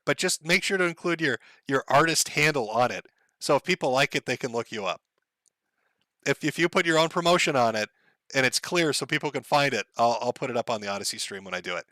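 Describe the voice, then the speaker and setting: A man hosting a livestream, reading viewer donations out loud and telling stories in a casual, profane way, often laughing. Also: fairly high pitch, no echo. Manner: profane, laughing, rambling storyteller.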